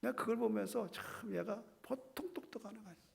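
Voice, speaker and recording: A middle-aged man preaching a sermon as pastor. He acts out Bible dialogue and swings between loud lines and hushed ones. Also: high voice, a little fast, vocal fry, breathy edge.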